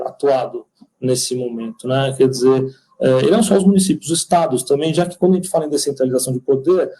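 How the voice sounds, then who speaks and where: A man's voice: medium pitch, creaky, mellow, poor audio. A man with a Brazilian Portuguese accent giving a conversational lecture, hesitant with many fillers and restarts. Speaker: lecturer, city attorney. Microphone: online stream.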